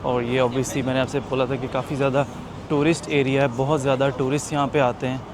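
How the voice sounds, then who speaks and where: Outdoors at a crowded tourist waterfront, a chatty man from Pakistan vlogs as he walks, joking with his viewers in a mid-range voice. He talks fast in a level tone, and traffic and street noise fill the background.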